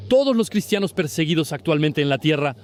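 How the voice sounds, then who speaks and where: A man's voice: a little high, lively intonation, brisk, darkish tone, soft background music. A man in his forties from France speaks fervently in a street interview, repeating his key points for emphasis. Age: 40s. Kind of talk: impassioned street interview testimony. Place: outdoors on a city street.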